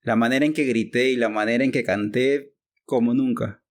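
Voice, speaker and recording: A man's voice: medium pitch, fairly even intonation. A young man, co-hosting a podcast in casual chat, stumbling and restarting as he searches for words. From Chile. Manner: halting, many restarts and fillers. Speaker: podcast co-host.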